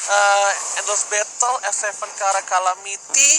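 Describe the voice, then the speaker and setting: A man calling an esports match like an excited fighting game announcer, repeating phrases and stretching key calls for emphasis. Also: sits high, measured pace, a little hiss or hum, rough recording. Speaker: esports commentator. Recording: loud music under commentary. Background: loud game music.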